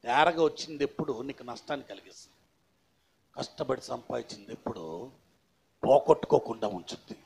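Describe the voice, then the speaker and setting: A pastor preaching a sermon, quizzing his congregation with questions and swinging between raised, declaiming passages and low, conversational asides. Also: fairly quick, gravelly, long pauses, breathy edge.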